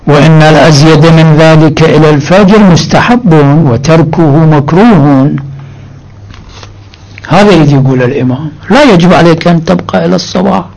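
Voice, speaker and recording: A man's voice: on the high side, fairly quick, gravelly, a little mellow, low-quality recording. A man teaching a seminary lecture on jurisprudence, who explains point by point and reads his sources aloud. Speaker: religious scholar teaching jurisprudence.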